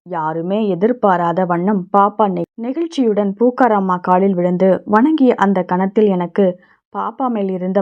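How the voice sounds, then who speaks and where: A woman narrating a short story for an audiobook in a steady, measured reading, on a dull lo-fi recording. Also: mid-range voice.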